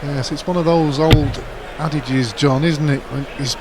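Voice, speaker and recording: A man's voice: a little high, fairly even intonation, a little slow. A man co-commentating live on darts, explaining the play in a conversational way. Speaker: sports co-commentator. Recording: clear arena noise behind commentary. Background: noisy darts arena.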